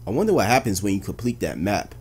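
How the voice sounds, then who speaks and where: A man hosting a let's play, commenting with jumpy, excitable, chatty reactions. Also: on the low side, fast talker, breathy edge. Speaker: gaming video host.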